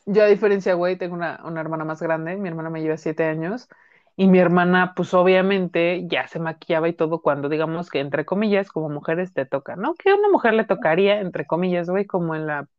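A young Mexican woman in casual, profane chat, telling animated stories. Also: fairly low pitch, fairly quick, no echo. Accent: Mexican Spanish. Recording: dull lo-fi sound.

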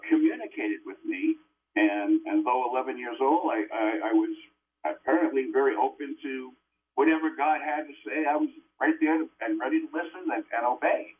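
Older man on a tinny, distant phone line. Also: mid-range voice. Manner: earnest, halting, with many fillers and restarts. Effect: tinny, distant phone line like a headset mic. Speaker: exorcist guest calling in. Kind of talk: call-in radio interview.

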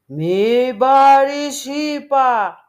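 A woman voicing a man hidden behind an icon, who thunders slow commands as if the icon spoke. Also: sits high, animated, a little mellow, pitched above the performer's own voice. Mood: stern. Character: man hiding behind an icon, booming like a holy voice.

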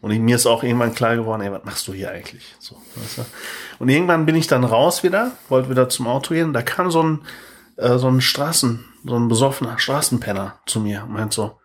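A man in his thirties co-hosting a podcast, telling a story in lively casual chat and tagging his sentences with "ne?". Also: medium pitch, brisk. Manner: animated, tags sentences with "ne?". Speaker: podcast co-host.

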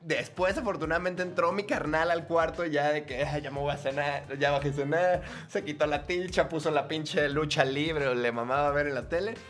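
A man's voice: on the high side, steady tone, moderate pace, few pauses, fairly bright tone, soft background music. A man with a Mexican Spanish accent, co-hosting a podcast and telling crude, slangy stories in casual chat. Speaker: podcast co-host.

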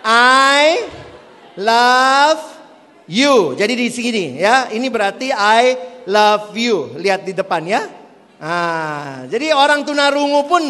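High-voiced man speaking in a reverberant hall. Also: sing-song, a little slow, a bit bright. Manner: joking, asks the audience questions. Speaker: youth speaker. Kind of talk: playful talk to teenagers.

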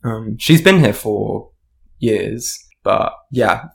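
A man's voice: on the low side, expressive, slow, creaky. A man in casual conversation, chatty and enthusiastic, peppering his talk with fillers. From half Irish, half Indian family. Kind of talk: casual chat.

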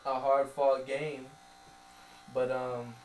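A man's voice: mid-range voice, flat delivery, slow, a little hiss or hum. A man in casual sports debate, blunt and opinionated, with slangy phrasing. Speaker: guest sports fan and barber. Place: echoey room during a haircut. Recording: roomy echo, electric razor buzz.

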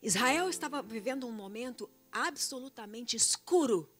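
A woman's voice: a little high, lively intonation, normal speed, a bit bright. A woman preaches with emphatic, repetitive cadences, leaning on refrains to drive her points home. Faint instrumental music plays behind her voice. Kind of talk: sermon.

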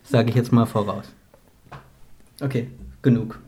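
A man's voice: medium pitch, fairly even intonation, unhurried, a little mellow. A man, co-hosting a casual chat, rambling and playful, often restarting his sentences. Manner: rambling, self-correcting, playful.

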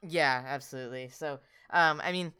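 Young male podcast co-host, smooth crisp voice, dry close sound, rambling and swearing. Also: fairly high pitch, normal speed, bright, forceful tone, dry recording. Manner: rambling, swears casually, lots of "like". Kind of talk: casual chat.

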